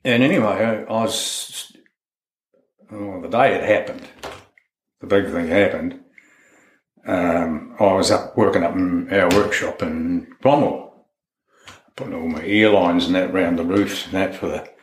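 A man's voice: low-pitched, a little slow, long pauses, a little hiss or hum. A plain-spoken man with a broad New Zealand accent, informally recalling events in an interview, with mild swearing. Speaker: interviewee, friend of the person discussed. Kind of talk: informal recollection in a sit-down interview. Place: indoors in a house. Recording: roomy, echoey home interview.

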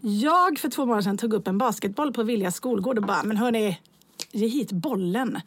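A woman in her forties hosting a casual podcast chat, telling stories with lively acted-out lines. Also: medium pitch, slightly rough, no room sound. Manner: lively storyteller, acts out her own lines. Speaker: podcast host.

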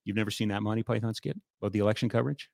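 A man's voice: lowish voice, steady tone, rapid-fire, vocal fry, a little mellow, dry recording, clean studio sound. A man hosting a radio talk show, chatting casually with a guest and reading sponsor spots. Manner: joking, chatty, loose with fillers.

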